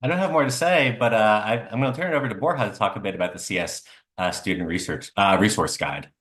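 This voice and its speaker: Male faculty presenter, deep voice, halting delivery, roomy echo. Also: fairly bright tone. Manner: halting, many fillers and restarts. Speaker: computer science faculty member. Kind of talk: online info session presentation.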